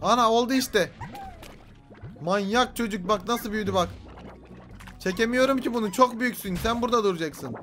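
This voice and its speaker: A young man giving frantic let's-play commentary, yelling and swearing at creatures. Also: sits high, moderate pace, pauses often. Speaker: gaming YouTuber. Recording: game music underneath.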